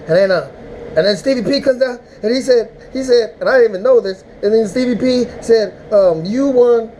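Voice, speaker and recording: Rambling, animated man, warm voice. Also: high-pitched, fairly quick, slight background noise, low-quality recording. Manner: animated, rambling, mock-emotional outbursts. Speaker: battle rap recap host. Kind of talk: casual vlog recap. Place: indoors, smoking while talking.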